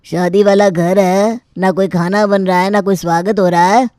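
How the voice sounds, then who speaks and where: Cartoon uncle-in-law put on by a woman, middle-aged man, bossy, huffy, touchy, mid pitch, dry close sound. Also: fairly even intonation, moderate pace, dark tone, dry recording, lightly acted. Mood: grumpy. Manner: huffy, bossy, easily offended. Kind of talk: cartoon voice acting.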